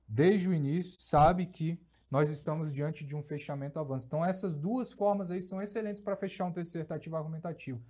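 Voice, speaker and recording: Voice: medium pitch, warm tone. Teacher explaining step by step. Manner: explains step by step, checks in with tag questions; repeats key phrases for emphasis. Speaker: writing course teacher. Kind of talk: recorded online course lecture.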